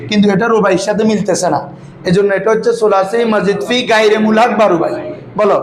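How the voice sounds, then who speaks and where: Over crowd noise, a man with a high, steady voice speaks quickly while teaching students Arabic grammar. He uses call-and-response, prompting them to say answers back, and the room sounds echoey and noisy.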